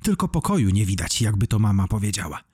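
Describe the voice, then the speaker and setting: A man reads a children's story with a lively, animated lilt. His voice is husky, and the recording is close and dry with no room at all. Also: on the low side, fast, no echo. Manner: expressive storytelling. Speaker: audiobook narrator. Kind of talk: children's audiobook reading.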